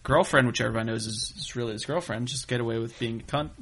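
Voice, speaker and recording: A man's voice: mid-range voice, very fast, fairly bright tone, a little hiss or hum. A man co-hosting a casual chat, blunt and opinionated, swearing freely. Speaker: podcast co-host.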